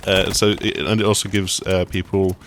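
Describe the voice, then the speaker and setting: A man explaining a video game in a relaxed, rambling co-host chat, full of fillers and restarts. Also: sits low, moderate pace, a little hiss or hum. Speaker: games journalist co-host. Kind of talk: casual gaming discussion.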